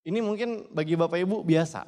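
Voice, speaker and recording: Quick-paced and warm, with a pitch on the high side, a man in his twenties gives a motivational testimonial speech at a business seminar. Again and again he addresses the audience emphatically, captured with long hall reverb.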